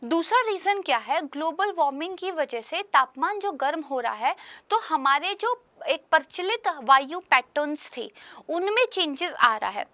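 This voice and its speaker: A woman's voice: sits high, animated, normal speed, pushed and bright, no echo. A young woman teaching current affairs for exam preparation, explaining each point and often checking in with "right?" and "okay".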